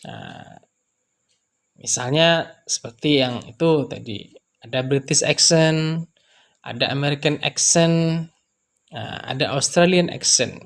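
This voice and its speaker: A man teaching language terms in an unhurried lecture, repeating example words and pausing with frequent fillers. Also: fairly high pitch, very animated, vocal fry. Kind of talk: explanatory lecture.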